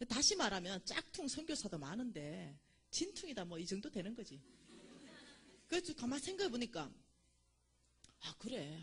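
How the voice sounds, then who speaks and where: A middle-aged woman giving an animated testimony lecture at church, acting out the voices she quotes. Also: mid-range voice, slightly rough.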